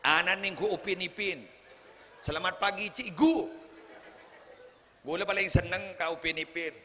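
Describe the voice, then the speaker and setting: Madurese-accented preacher, slow and booming in a hall. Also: male voice, bright, forceful tone, slight background noise. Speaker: Islamic preacher. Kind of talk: humorous religious sermon at a wedding gathering. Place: large hall at a wedding celebration. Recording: live hall sound with faint crowd ambience.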